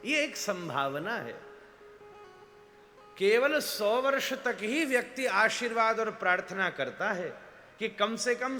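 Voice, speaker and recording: A man giving a devotional sermon, telling stories and acting out short quotes with rising and falling emphasis. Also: high-pitched. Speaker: preacher. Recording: long hall reverb with soft instrumental music.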